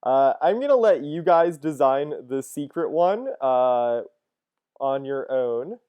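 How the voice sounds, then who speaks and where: A man's voice: medium pitch, lively intonation, slow pace, clear, resonant tone, muffled recording. A man in his thirties teaching a coding lesson over a screen recording, casual and thinking aloud, with fillers and "cool, cool". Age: 30s.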